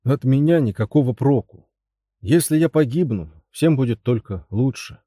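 A man's voice: mid-range voice, lively intonation, moderate pace, dark tone, no echo, studio quality, natural voice. A man voicing a big, gloomy male knight who speaks plainly and glumly about himself. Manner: glum, plain-spoken. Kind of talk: audiobook character voice.

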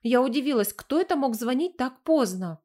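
A polite lady answers questions eagerly in a raised, brighter voice. A woman narrator voices her in an audiobook reading, lifting her pitch for the character. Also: expressive, normal speed. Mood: puzzled. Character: anxious lady in a bathrobe, helpful, polite.

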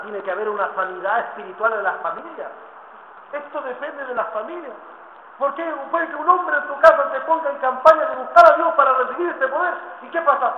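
Fiery male preacher, high voice, echoey church sound. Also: slight background noise. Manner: impassioned, rising to shouts. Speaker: guest preacher. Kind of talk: sermon. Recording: echoey church hall over tinny line.

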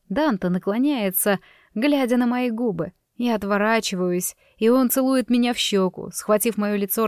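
A woman's voice: medium pitch, a little mellow, dry recording, clean studio sound. A woman reading a first-person audiobook in a tense, dramatic storytelling manner. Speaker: audiobook narrator.

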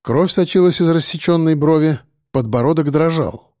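A man reading a story aloud as narrator in a measured, even manner. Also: a little high, no room sound, clean studio sound. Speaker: audiobook narrator. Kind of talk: scripted narration.

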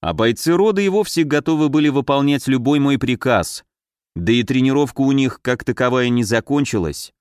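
Steady male audiobook narrator. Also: medium pitch, moderate pace, clean tone, no room sound, clean studio sound. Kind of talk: scripted fantasy narration.

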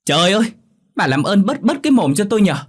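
A man voicing a rude, defiant young daughter who mocks and shouts insults at her parents, in a spoken horror story. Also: very animated, quick pace, husky, full character voice. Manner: shrill, mocking, shouting insults.

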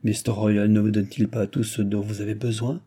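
A man voicing a fretful, hesitant old spinster who speaks haltingly. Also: on the low side, level tone, dark tone, husky. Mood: uneasy.

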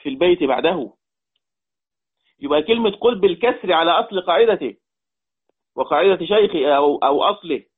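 Egyptian guy teaching quran readings, husky kinda high voice, quizzes students, tinny phone-like sound. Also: lively intonation, brisk, long pauses. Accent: Egyptian Arabic. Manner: repeats points and quizzes students. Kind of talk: online lesson explaining readings.

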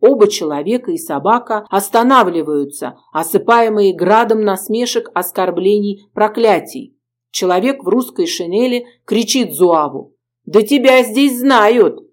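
A woman reading an adventure novel aloud as audiobook narrator, in a measured, expressive way. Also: medium pitch.

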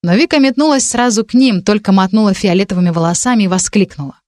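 Lady reading a fantasy audiobook, mid pitch, dry close mic. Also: fast, a little mellow, no echo. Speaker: narrator. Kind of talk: audiobook narration.

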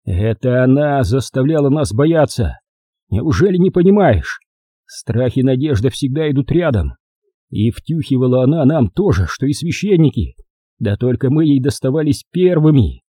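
A man playing a defiant young man with a gun, speaking forcefully in an audiobook reading. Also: medium pitch, very animated, normal speed, breathy edge, no echo, studio quality, pitched above the performer's own voice. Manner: forceful, shouting.

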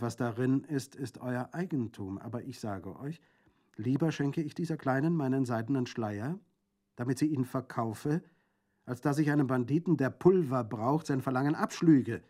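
A man's voice: medium pitch, moderate pace, mellow, voice pushed up, natural voice. A man reading the part of a fierce, proud young Corsican woman who speaks earnestly and insistently.

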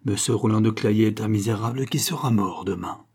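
A man reading an audiobook, voicing a jealous, proud count who speaks haltingly and gravely. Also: fairly low pitch, mellow. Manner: hesitant, grave.

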